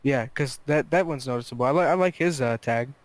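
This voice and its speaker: A young man co-hosting a casual podcast, chiming in with quick agreement and curious questions. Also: medium pitch, dry recording. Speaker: podcast co-host. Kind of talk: casual chat.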